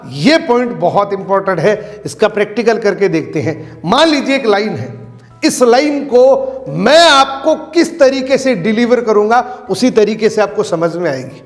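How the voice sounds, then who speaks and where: High-voiced Hindi trainer in a reverberant hall. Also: male voice. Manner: emphatic, repeats key phrases, acts out example lines. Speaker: network marketing trainer. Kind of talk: motivational training talk.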